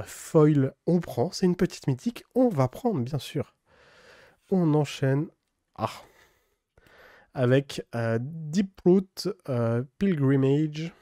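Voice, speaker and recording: A man hosting a casual card-pack opening, speaking slowly with many fillers and reading card names. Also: medium pitch, no room sound, studio quality. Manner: relaxed, many fillers, reads card names slowly in a put-on English accent. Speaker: card-opening video host. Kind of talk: casual unboxing commentary.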